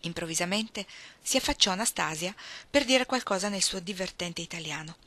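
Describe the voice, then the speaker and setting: Measured woman reading a novel. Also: on the low side. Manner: calm, measured, unhurried. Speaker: audiobook reader. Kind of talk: literary audiobook narration.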